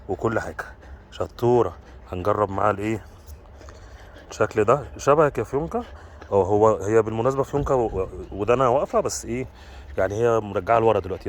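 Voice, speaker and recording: A man's voice: lowish voice, a little hiss or hum. A man with an Egyptian accent, a dog trainer hosting a casual vlog, giving short commands and praise to dogs. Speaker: dog trainer and dog park owner. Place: dog park.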